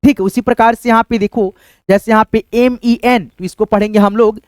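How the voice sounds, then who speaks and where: A man's voice: high voice, steady tone, fairly quick, no room sound, clean studio sound. Man teaching pronunciation letter by letter. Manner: spells words out letter by letter and repeats them; constantly addresses viewers as friends. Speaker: English teacher. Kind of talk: online pronunciation lesson in Hindi.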